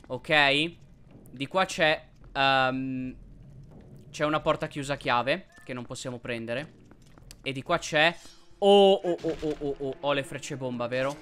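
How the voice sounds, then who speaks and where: A man hosting a let's play, commenting on gameplay and yelping excitedly at enemies. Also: mid-range voice, slow pace, clear, resonant tone. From Italy. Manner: excitable, yelps and shouts at enemies.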